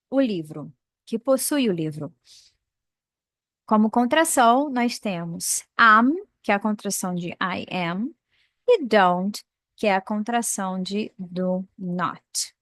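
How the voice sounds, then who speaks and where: A woman teaching English punctuation to Portuguese speakers, drawing out each example word slowly and carefully. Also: medium pitch, no echo, studio quality. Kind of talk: explaining English punctuation in a lesson.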